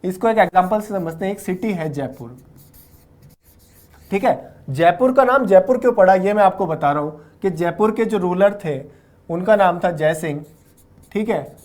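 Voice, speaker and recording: A man's voice: high voice, expressive, normal speed, darkish tone. Patient man teaching vocabulary. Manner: explains patiently, ends points with a checking "okay?"; mixes English words into Hindi speech. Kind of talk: classroom lecture explaining word roots.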